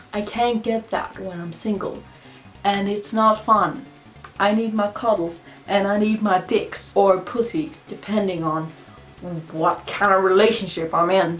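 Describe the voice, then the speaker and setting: A drunk woman who isn't a native English speaker rambles casually and confessionally to the camera in her video blog, often repeating herself. Her voice is medium-pitched and a little slow, with faint music behind her.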